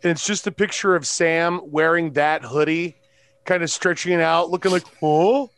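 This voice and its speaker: A man's voice: fairly high pitch, steady tone, normal speed, fairly bright tone, no echo. A man co-hosting a podcast in casual chat, rambling with lots of fillers and swearing. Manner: rambling, full of fillers and profanity. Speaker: podcast co-host.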